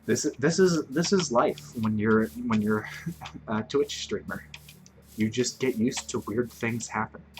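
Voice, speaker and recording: Here a twenty-something Twitch streamer chats his way through gameplay, cracking self-deprecating jokes over the game's music. He speaks in an unhurried, mid-range voice, and faint hiss or hum runs under the audio.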